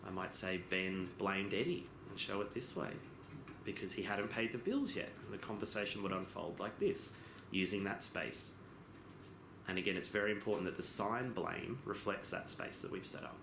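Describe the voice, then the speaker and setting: A man giving a simultaneous interpretation as voice-over for a lesson, explaining in phrases with pauses and occasional self-corrections. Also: deep voice, gravelly. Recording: echoey room with background noise.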